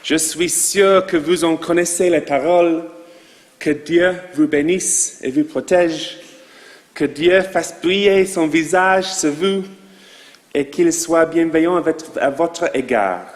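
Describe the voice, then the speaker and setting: A man with a non-native accent in French, a rabbi giving a sermon to his congregation in a slow, measured way with asides to the listeners. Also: a little high, long reverb tail. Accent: foreign accent in French. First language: not French. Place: synagogue.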